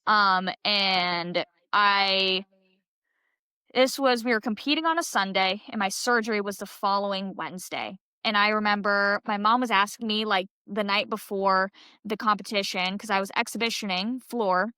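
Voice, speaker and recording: A woman's voice: medium pitch, moderate pace, pushed and bright, clean tone, no echo, studio quality. A young woman in her twenties, a podcast guest chatting casually and filling her story with "like" and "um". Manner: chatty, heavy use of "like" and "um". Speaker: podcast guest, college gymnast.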